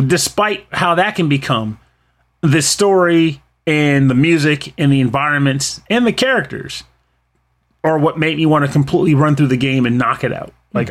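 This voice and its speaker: A man's voice: medium pitch, a bit bright. A man co-hosting a podcast, chatting with enthusiasm about a game and its music, laughing often and restarting his sentences. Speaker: podcast co-host. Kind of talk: casual chat about games and music.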